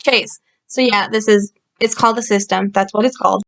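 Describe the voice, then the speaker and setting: A woman reading a story aloud and commenting on it in a calm, explanatory way, with frequent fillers, recorded on a computer's built-in mic. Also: medium pitch, fairly quick, gravelly. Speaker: channel host reviewing a story. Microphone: built-in computer microphone.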